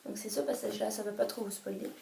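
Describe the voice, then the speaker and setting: Mellow-voiced woman in an echoey room. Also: medium pitch, steady tone, quick pace, vocal fry. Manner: chatty, hesitant, lots of restarts and "genre". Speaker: book vlogger. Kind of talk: casual book review. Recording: roomy echo, distant mic, faint hiss.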